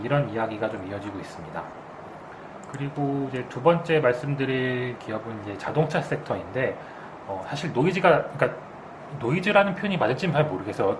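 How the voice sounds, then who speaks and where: A man gives unscripted financial commentary in a medium-pitched voice. He talks through a mask and often reconsiders his wording as he explains. A clear hiss of air conditioning runs behind him. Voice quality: speaking through a face mask. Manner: explanatory, hedges his word choices. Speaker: co-host and market commentator. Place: makeshift indoor room, not a studio.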